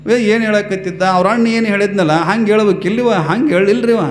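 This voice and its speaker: A man with a North Karnataka Kannada accent preaching a devotional sermon, telling folk stories in an animated way and repeating his phrases. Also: sits high, quick pace, faint music behind. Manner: animated storyteller, repeats phrases, acts out dialogue. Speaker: religious preacher.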